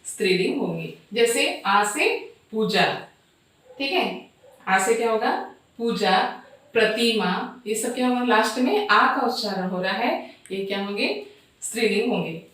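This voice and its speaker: Slow-speaking woman teaching grammar, echoey. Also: medium pitch, fairly bright tone, recorded from a distance. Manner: slow, repeats word lists and asks rhetorical questions. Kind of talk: classroom grammar lesson. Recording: echoey room, voice off-mic.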